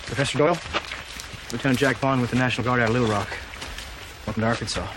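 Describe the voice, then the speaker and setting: A man's voice: medium pitch, steady tone, racing, noisy background, close to an everyday voice. A man playing a tense, commanding National Guard lieutenant in a TV drama, speaking in clipped, urgent phrases. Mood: grave. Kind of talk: TV drama acting.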